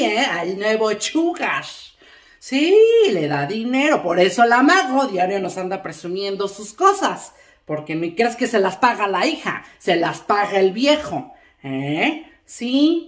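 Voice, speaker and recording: A woman's voice: mid-range voice, roomy sound. Chatty gossiping mom, as a woman plays her. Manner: chatty, rambling, keeps asking "¿eh?" and "fíjate". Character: gossipy middle-aged Mexican mom lecturing family. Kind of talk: comic character monologue.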